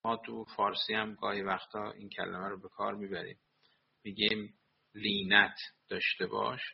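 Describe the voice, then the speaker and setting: A man's voice: fairly low pitch, little pitch movement, vocal fry, breathy edge. A man giving a sermon, quoting Arabic sayings and explaining them line by line. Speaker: religious lecturer. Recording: dull lo-fi recording.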